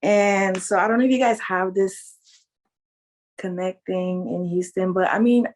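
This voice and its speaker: A woman's voice: medium pitch, unhurried, a little mellow. A woman from New York City chatting casually on a group video call, filling her speech with "like". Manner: chatty, lots of "like". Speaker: participant in a singles group call. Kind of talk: casual chat. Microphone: video call, audio only.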